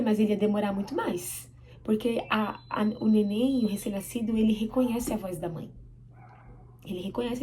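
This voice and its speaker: A woman's voice: mid-range voice, warm tone, a little hiss or hum, poor audio. A woman with a Brazilian Portuguese accent giving a church teaching, earnest and emphatic, asking the audience for amens.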